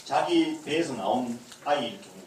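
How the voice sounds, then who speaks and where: Animated pastor lecturing in an echoey room. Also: male voice, medium pitch, normal speed. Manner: humorous, acts out dialogue lines. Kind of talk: lecture to a leadership school class. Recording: echoey room, distant mic, faint noise.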